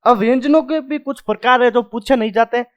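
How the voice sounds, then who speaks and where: High-voiced male grammar teacher. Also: brisk, lo-fi sound. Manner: drills sounds aloud, repeats "ठीक है" often. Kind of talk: classroom lecture at a whiteboard.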